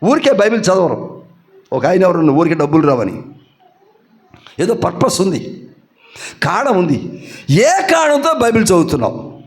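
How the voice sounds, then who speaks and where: A man preaching a sermon as pastor. He asks the congregation questions and answers them with homely examples, and rises to loud, emphatic peaks. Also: high-pitched, very animated, moderate pace, long pauses.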